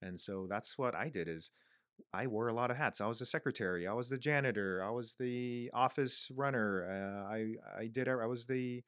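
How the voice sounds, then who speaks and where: A man in his thirties co-hosting a podcast, explaining costs in a relaxed, casual way and listing points with fillers. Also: mid-range voice, normal speed, clear, resonant tone, no room sound, studio quality. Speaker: podcast co-host, clinic owner. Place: small quiet room, indoors. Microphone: studio mic on stand, headphones.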